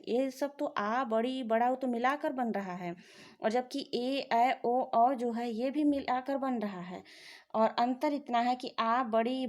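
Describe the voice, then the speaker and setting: Woman teaching grammar, slow and explanatory. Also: fairly high pitch, darkish tone. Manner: explains step by step, drawn-out vowel examples. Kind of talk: exam-prep lesson.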